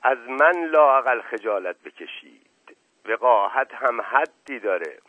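Man doing a stern paranoid old uncle, slow and heavy, tinny radio. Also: mid-range voice, expressive, dry recording, natural voice. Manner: stern, indignant, slow and weighty. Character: proud, paranoid older man, stern head of the family. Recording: tinny narrow-band radio recording.

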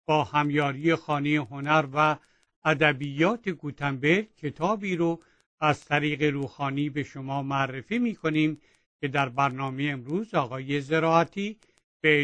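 A man announcing a book-reading radio program in a formal, clear manner. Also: a little high, fairly bright tone, dry recording.

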